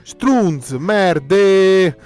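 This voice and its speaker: A man's voice: sits high, expressive, very slow, a little mellow, clear, resonant tone, soft background music, exaggerated voice. A man voicing a crude, indignant Neapolitan neomelodic singer in vulgar street slang, as a comic radio phone-in character.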